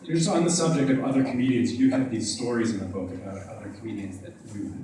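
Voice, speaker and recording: Man, interviewer, medium pitch, distant mic, heavy room echo. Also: quick pace, warm tone, slight background noise. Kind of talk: onstage interview questions.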